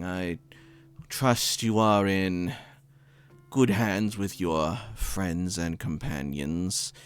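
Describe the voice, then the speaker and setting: Man acting a slow, low-voiced, tender voicemail caller. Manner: slow, hesitant, formal. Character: tender, halting man leaving a late-night voicemail.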